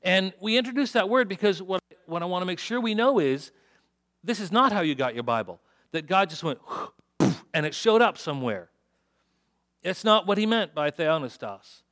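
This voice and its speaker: A man's voice: high-pitched, expressive, brisk, a bit bright. A middle-aged man preaching a sermon to a congregation, conversational and joking, asking his listeners questions. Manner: conversational, self-deprecating humor with audience questions. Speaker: pastor.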